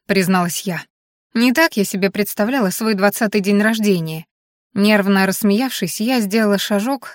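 A woman reading an audiobook aloud, giving the characters' lines a lively lift. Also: medium pitch, dry recording, clean studio sound. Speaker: audiobook narrator. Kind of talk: scripted audiobook narration.

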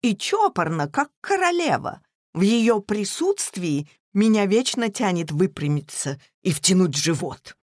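A woman's voice: medium pitch, very animated, measured pace, no echo, clean studio sound. A woman voicing a grumbling, put-upon middle-aged husband in a read-aloud story.

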